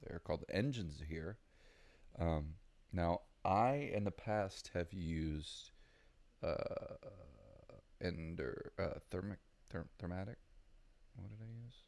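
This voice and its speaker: A man's voice: sits low, takes it slowly, creaky, a little mellow. A man with a Southern American accent giving casual, rambling gameplay commentary, thinking aloud with lots of ums. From Southern United States. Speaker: gaming video creator.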